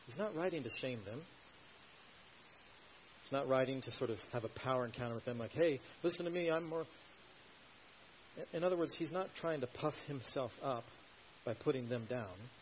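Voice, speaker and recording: A man preaching a sermon in an earnest, teaching tone, pressing his points with emphatic rhetorical questions. The recording is a little dull, with a faint hiss underneath. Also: mid-range voice. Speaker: pastor.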